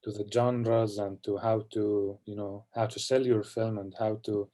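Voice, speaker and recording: A film director from Palestine answering questions in a festival Q&A over a video call. He speaks in a reflective, halting way and often adds "you know". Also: fairly low pitch, little pitch movement, mellow. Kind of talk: festival Q&A conversation.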